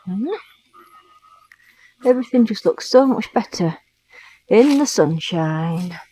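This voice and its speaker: A woman talks to her camera on a travel vlog, relaxed and chatty, often dropping to a soft whisper. Her voice is mellow and warm, with a slightly breathy edge. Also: medium pitch, slow pace, poor audio. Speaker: travel vlogger. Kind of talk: casual vlog narration. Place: old village church and campervan.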